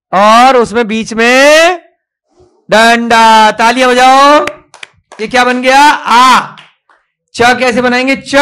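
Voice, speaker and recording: A man's voice: very high-pitched, sharp tone, clean tone, poor audio. Man teaching children in a classroom. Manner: coaxing, praising and scolding pupils, spelling out strokes slowly.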